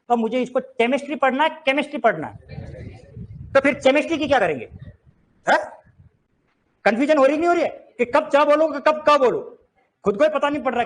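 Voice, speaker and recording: A man with a strikingly high voice teaches to a class. He keeps firing rhetorical questions and drilling his students to read each word aloud. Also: fairly bright tone. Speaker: Hindi teacher. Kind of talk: classroom lesson.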